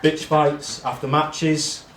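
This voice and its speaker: A man giving a self-deprecating speech to his friends in a monotone voice, with frequent ums. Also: on the high side, slow pace. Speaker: award speech giver among friends. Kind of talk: casual speech read to friends. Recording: echoey room with faint noise.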